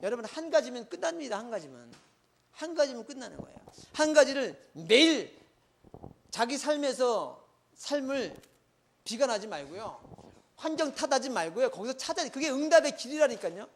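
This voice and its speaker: A man preaching a sermon as a church pastor, telling a story with animated swings between loud outbursts and quiet asides. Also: very high-pitched, normal speed, gravelly.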